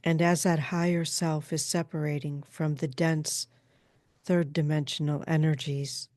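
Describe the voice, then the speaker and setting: A woman trance channeling a calm female spirit like a seance medium, speaking in formal, halting, measured pronouncements. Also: low-pitched, no room sound, studio quality. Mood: solemn, measured.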